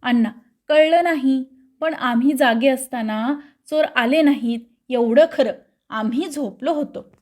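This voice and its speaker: A woman's voice: high voice, measured pace, darkish tone. Woman reading as a meek snoring clerk. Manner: meek, apologetic. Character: sleepy, snoring male government clerk.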